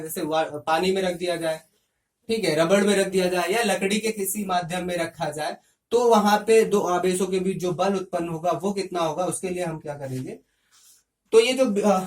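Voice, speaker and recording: A man's voice: high-pitched, recorded from a distance. Man teaching physics from off the mic. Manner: explains step by step, often checks in with "ठीक". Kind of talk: classroom lecture.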